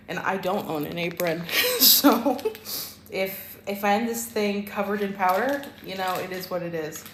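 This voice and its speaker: A woman's voice: medium pitch, slight background noise, rough recording. A young woman hosting a live-streamed cooking class, chatty and rambling, with frequent ums and self-corrections.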